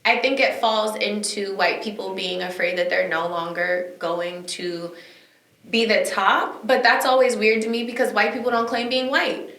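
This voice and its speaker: Bright-voiced opinionated woman co-host. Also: medium pitch, fairly even intonation, moderate pace. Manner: opinionated, rhetorical questions. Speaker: podcast co-host. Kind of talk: casual discussion. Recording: echoey room.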